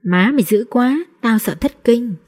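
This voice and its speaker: A woman voicing a timid young boy who speaks quietly, as part of an audiobook reading. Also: on the high side, animated, unhurried. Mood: scared. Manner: quiet, hushed.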